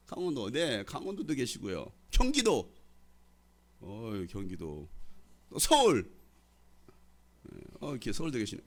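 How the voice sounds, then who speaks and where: Lively gravel-voiced Korean pastor. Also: male voice, fairly high pitch. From Jeolla, South Korea. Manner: lively preaching, quizzes and teases the congregation. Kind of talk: sermon.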